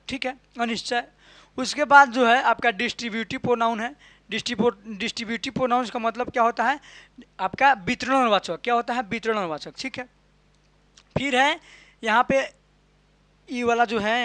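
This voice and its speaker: High-voiced man teaching grammar, dry sound. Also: no echo. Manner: asks and answers his own questions, repeats key terms; ends points with a soft "ठीक है". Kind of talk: classroom lesson explaining in Hindi.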